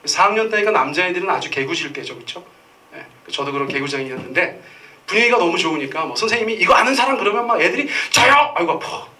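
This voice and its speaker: A man's voice: high voice, expressive, fast, bright, forceful tone, recorded from a distance. A middle-aged man preaching a Sunday sermon, telling stories and acting out the voices of the people in them. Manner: storytelling, acts out quoted voices. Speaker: pastor. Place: church sanctuary.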